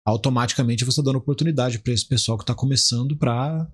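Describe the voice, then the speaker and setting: A fast-talking Brazilian man in his forties with a medium-pitched, slightly rough voice is a guest on a podcast. A criminal defence lawyer, he gives chatty, explanatory answers and often begins his phrases again.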